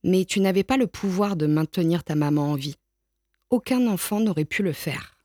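A woman voicing a wise old male graveyard cat who speaks softly and patiently in a storybook. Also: on the low side, normal speed, no echo, studio quality, natural voice. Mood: gentle. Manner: soft, patient and reassuring.

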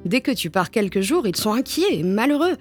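A woman reading a children's storybook aloud with gentle, expressive storytelling. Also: a little high, brisk, soft background music. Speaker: storybook reader. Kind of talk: read-aloud picture book narration.

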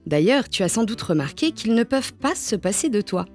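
A woman reading a children's storybook aloud with gentle, expressive storytelling. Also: medium pitch, fairly quick, soft background music. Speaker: storybook reader. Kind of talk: read-aloud picture book narration.

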